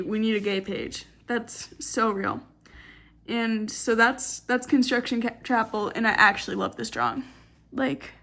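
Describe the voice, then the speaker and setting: A woman's voice: a little high, a bit bright. A young woman in her late teens giving a casual late-night tour of her sketchbook. She is tired and rambling, joking and swearing in sarcastic asides, in a dim room at night. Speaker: artist showing her sketchbook.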